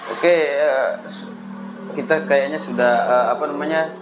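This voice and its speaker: A man's voice: fairly high pitch, steady tone, measured pace. A man hosting a casual chat in a jovial, agreeable way, often repeating his words. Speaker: interview host. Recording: dull lo-fi audio with background noise.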